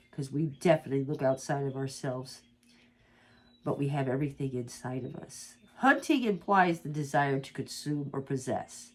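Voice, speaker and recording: Congested from allergies, a woman with a stuffed-up nose reads slowly and softly from a guidebook as an oracle card reader. Her voice sits low with a breathy edge, and she makes small stumbles and asides along the way.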